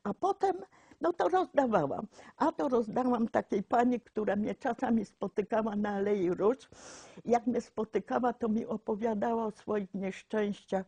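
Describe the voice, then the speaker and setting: A woman's voice: fairly high pitch, normal speed, mellow, husky, no echo. A woman in her eighties telling personal anecdotes informally, acting out what others said, recorded indoors at close range. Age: 80s. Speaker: local resident being interviewed. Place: small cluttered room indoors.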